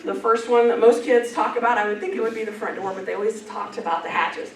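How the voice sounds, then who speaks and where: A woman's voice: fairly high pitch, steady tone, fast talker, gravelly, slight background noise. Chatty woman trainer in an echoey room. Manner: chatty, plain-spoken, laughs often. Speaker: transportation safety trainer. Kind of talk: staff safety meeting talk. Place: meeting room. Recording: echoey room, mic at a distance, group audible. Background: audience of drivers.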